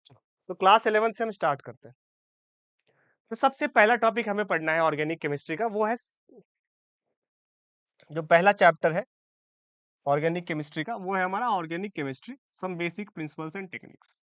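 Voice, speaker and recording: This chemistry lecture for exam candidates comes from a man with a high-pitched, slightly bright voice, speaking at a moderate pace with frequent pauses in mixed Hindi and English. He keeps checking on his students and corrects his own mistakes. The audio is dry and muffled.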